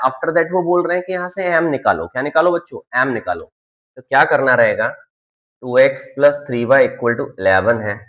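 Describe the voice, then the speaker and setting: A man's voice: mid-range voice, a bit bright, poor audio. A male maths teacher works through equations at a board. He keeps asking the class questions, answers them himself and checks in with the students again and again. He switches easily between Hindi and English maths terms. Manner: repeats checks like "clear students?". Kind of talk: classroom-style board lesson.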